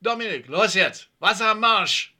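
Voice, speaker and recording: A man's voice: sits high, lively intonation, unhurried, sharp tone, soft background music, pitched above the performer's own voice, exaggerated voice. A man voicing an earnest schoolboy who explains a homemade experiment. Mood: earnest explaining.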